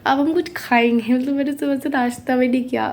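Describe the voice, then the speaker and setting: A woman's voice: sits high, fairly even intonation, a little fast, darkish tone. A young woman chatting casually in a home vlog, rambling and apologetic, with a sore throat. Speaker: vlogger. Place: family home, indoors.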